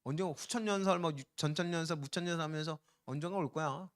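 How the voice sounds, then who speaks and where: A male pastor preaching a sermon with urgent emphasis, dropping now and then into slow, drawling voices as he quotes people. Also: a little high.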